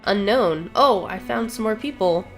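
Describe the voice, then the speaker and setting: A woman's voice: medium pitch, lively intonation, unhurried. A woman streaming a game, commenting chattily to her viewers with frequent giggles. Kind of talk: gameplay commentary. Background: game music.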